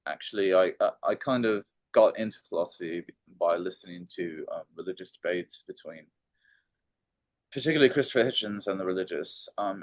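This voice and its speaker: A man's voice: lowish voice, no echo. A man talking through philosophy on a podcast in a casual, hesitant way, with many ums and restarted phrases. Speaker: podcast co-host.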